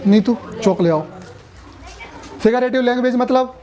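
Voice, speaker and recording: A man's voice: very high voice, normal speed, dark tone. A man teaching a classroom lecture at a coaching class, chatty, joking and often asking students questions.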